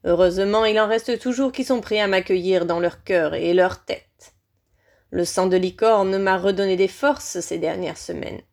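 A woman voicing a menacing male dark wizard in a high, shrill voice, speaking slowly and coldly, in an audiobook reading. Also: vocal fry, natural voice. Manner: slow, hissing and cold, then screeching. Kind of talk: audiobook character voice.

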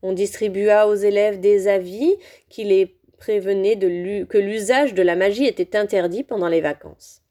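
A woman reading a children's novel aloud in a steady, expressive way. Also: medium pitch, normal speed, few pauses. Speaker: audiobook reader. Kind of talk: storybook read aloud.

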